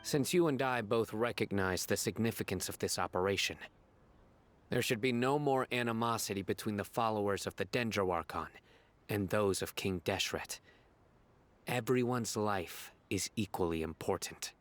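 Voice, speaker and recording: Man playing a stern, low-voiced general. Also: close to an everyday voice. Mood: solemn. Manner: formal, serious, measured. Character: stern, disciplined male general and enforcer. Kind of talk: video game voice acting.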